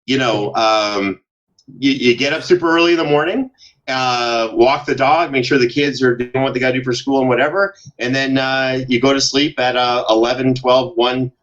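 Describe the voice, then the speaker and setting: This audio drama producer, a middle-aged American, is a podcast guest in a relaxed conversational interview, full of jokes and dry sarcasm. His mid-range voice is fairly bright with fairly even intonation at a moderate pace, and the sound is lo-fi.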